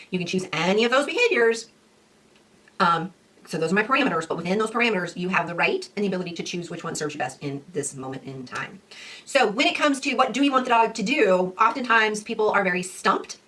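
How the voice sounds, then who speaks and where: A woman dog trainer giving a casual lesson, lively, acting out owners and dogs in quick quoted voices. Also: fairly low pitch, distant mic. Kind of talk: casual instructional talk.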